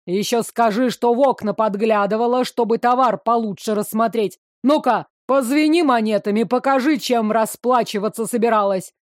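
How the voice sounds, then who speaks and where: A woman's voice: fairly high pitch, no echo, studio quality, natural voice. A woman playing a sneering male city guard. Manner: sneering, slow and taunting.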